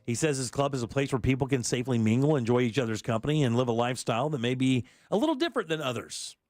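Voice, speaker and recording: A male radio host reads odd news stories in a relaxed, chatty way and laughs often at his co-hosts' jokes. His voice sits in a middle pitch. The studio sound is dry and close. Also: racing, no echo. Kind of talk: casual radio talk and news reading.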